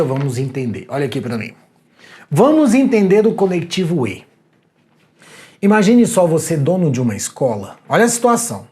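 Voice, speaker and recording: A Brazilian man gives an energetic video lecture, and his pitch swings widely from phrase to phrase. He talks straight to the viewer in an animated, slangy way, like a teacher keeping a class awake. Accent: Brazilian Portuguese. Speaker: exam prep teacher.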